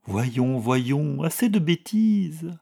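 A man's voice: on the high side, expressive, drawn-out words, gravelly, warm tone, exaggerated voice. A man voicing an old, emotional, patriotic count and father in an audiobook reading. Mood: scolding.

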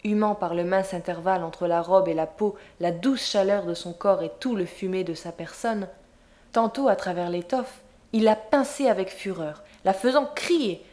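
A woman narrating a classic literary story in a measured, expressive reading voice. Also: medium pitch. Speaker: audiobook narrator.

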